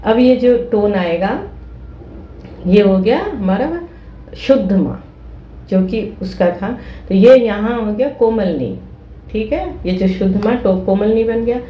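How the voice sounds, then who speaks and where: A woman's voice: mid-range voice, takes it slowly, mellow, reverberant, rough recording. A woman teaching flute who explains patiently, repeating steps and checking that listeners follow. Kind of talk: explaining a music lesson.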